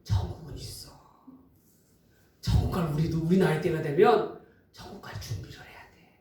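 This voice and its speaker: A man quoting an old woman evangelist in a low, hushed, earnest voice during a sermon. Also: fairly quick, natural voice. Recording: echoey hall, distant mic.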